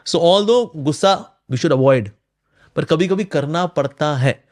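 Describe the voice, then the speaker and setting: Man, interview guest, animated, acts out inner voices, fairly high voice. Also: slow pace. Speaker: spiritual speaker. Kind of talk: interview answers.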